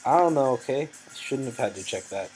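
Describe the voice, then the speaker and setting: A man's voice: medium pitch, animated, a little fast, darkish tone, soft background music, low-quality recording. A man giving hesitant, thinking-aloud commentary over his competitive game, with frequent ums and self-corrections, and his voice sometimes cracks.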